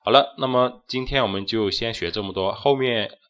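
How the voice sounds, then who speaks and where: A man's voice: medium pitch, normal speed, fairly bright tone, lo-fi sound. A Chinese-speaking man teaching spoken English, explaining patiently with lots of fillers and tag questions. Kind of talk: recorded spoken English lesson.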